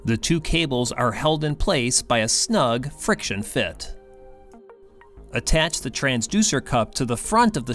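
Guy reading how-to steps, lively voice, quiet music behind. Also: medium pitch. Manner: clear step-by-step instructions. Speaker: instructor. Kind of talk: scripted instructional voice-over. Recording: faint background music.

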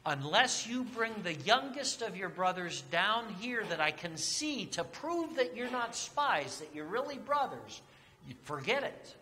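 Brief: pastor voicing a stern accusing official, raised high voice, long church reverb. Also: male voice, sing-song, unhurried, bright, forceful tone, slight background noise, heavily acted. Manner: accusing, insistent. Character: accusing Egyptian governor, middle-aged man, stern.

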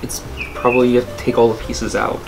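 A man's voice: medium pitch, level tone, quick pace, creaky, over music. A man in a casual family chat, making brief matter-of-fact remarks. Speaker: family member.

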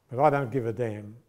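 A man voicing a young male skeptic who speaks in a hushed, halting way. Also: mid-range voice, pitched below the performer's own voice, lightly acted. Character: young male skeptic, defiant yet shaken.

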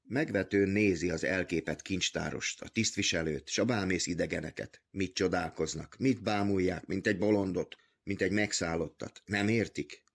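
A man reading a literary novel aloud as an audiobook, with measured, even storytelling. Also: deep voice, creaky. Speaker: audiobook reader.

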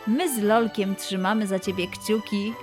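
With music playing in the background, a woman tells a scripted children's story. Her mid-range voice is expressive, and she leans on dramatic pauses and emphasis.

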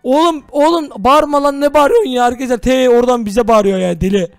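A young man doing excitable Minecraft role-play commentary, exclaiming and talking to viewers. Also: very high-pitched, fast, clear, resonant tone, dry recording, soft background music. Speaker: gaming YouTuber.

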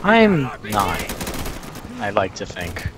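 A man's voice: lowish voice, huge pitch swings, slow pace, noisy background. A man playing along as co-player in a casual let's play, cracking dry, sarcastic jokes. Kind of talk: casual gameplay banter. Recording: voice call over game gunfire. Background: gunfire from the game.

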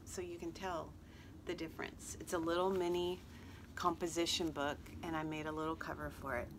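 A woman with a fairly low voice chats casually to her viewers, wandering from topic to topic with fillers and little self-deprecating jokes. She is recorded outdoors, with a faint hum of ambient noise behind her. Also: flat delivery, normal speed. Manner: chatty, rambling with fillers and self-deprecating asides. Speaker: craft vlogger. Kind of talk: casual chat to camera. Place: outdoors at a table.

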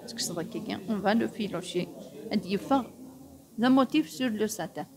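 A woman's voice: mid-range voice, fast. A woman in her forties explains her embroidery technique, mixing in French terms, at an exhibition. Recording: crowd noise behind.

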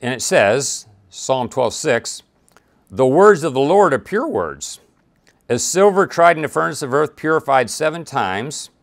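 A man's voice: mid-range voice, very animated, a little slow. A man teaching a Bible study, reading scripture aloud and talking it through in a conversational way with frequent restarts and asides.

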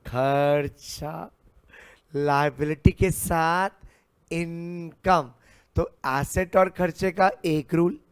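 A man teaches a commerce lesson as a lively story. He speaks slowly with a fairly high voice, and he keeps slipping into playful voices and repeating lines to drive the point home. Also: clean tone, dry recording. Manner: theatrical, acts out characters, sings snatches, repeats lines. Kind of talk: playful classroom lecture with a story.

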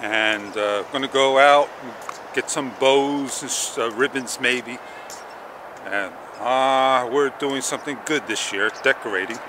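A middle-aged man with a mid-range voice vlogs casually while walking a park path in the morning, rambling and thinking aloud with many relaxed pauses. His throat is a little sore and he's sucking on candy. It's recorded on an action camera at arm's length, with passing traffic and outdoor ambience behind him.

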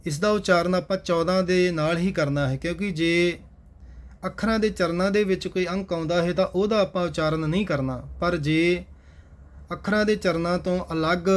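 A man with a Punjabi accent reciting scripture in a slow chant, pausing to explain how each word should be pronounced. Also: high voice. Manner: measured, instructive, repeats each correct pronunciation. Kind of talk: slow chanted scripture reading with spoken pronunciation notes.

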